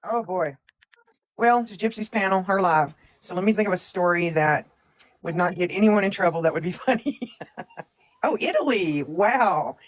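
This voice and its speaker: A woman's voice: lowish voice, animated, normal speed. A woman, chatting casually as a livestream co-host and reading out where viewers are from. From Tennessee, USA. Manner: chatty, reads out viewer comments.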